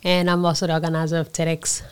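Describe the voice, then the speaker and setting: A woman's voice: low-pitched, little pitch movement, clean tone. Woman from Liberia, thoughtful interview guest. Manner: thoughtful, pausing, with fillers and self-corrections. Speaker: interview guest, conference organizer. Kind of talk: casual interview answers.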